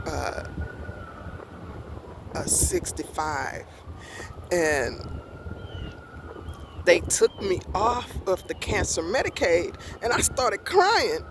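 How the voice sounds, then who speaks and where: A woman in her sixties, a vlogger with a lowish voice, tells her own story outdoors in a park, casual and rambling, with lots of fillers and self-corrections. Background noise can be heard.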